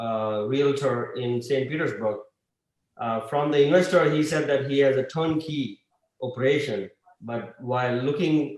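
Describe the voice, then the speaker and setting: A man of ordinary pitch talks easily about his work as a guest on a video call. He is chatty and pauses often with "uh". The sound has a clear room echo. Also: darkish tone. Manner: chatty, with frequent "uh" fillers. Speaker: guest investor. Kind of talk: conversational interview on a video call.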